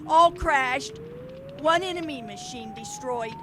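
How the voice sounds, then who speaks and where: A male military radio operator relays clipped dispatches in a high voice. The old 1930s recording carries a heavy hiss. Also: expressive, takes it slowly, exaggerated voice. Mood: urgent. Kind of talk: 1930s radio drama acting.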